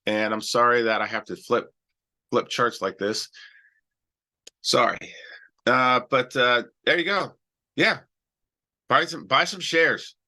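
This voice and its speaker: Hosting his live trading stream with a cold, a man discusses charts casually, often restarting and returning to "all right." His very bright, sharp-edged voice is medium-pitched, and he takes it slowly with frequent pauses.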